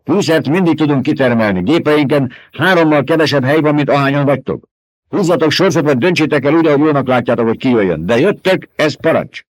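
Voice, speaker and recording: Give the scene a man acting out a stern middle-aged duke in an audiobook. He speaks up high and loud, barking orders with clipped authority. The sound is dry and close. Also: animated, no room sound, close to an everyday voice. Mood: commanding. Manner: forceful, giving orders.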